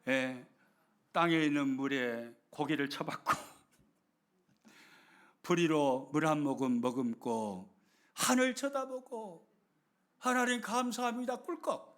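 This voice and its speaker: Animated preaching man. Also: medium pitch, slow pace, pauses often. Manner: animated preaching, acts out grumbling housewives in dialect. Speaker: pastor. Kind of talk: sermon. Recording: broadcast church sermon.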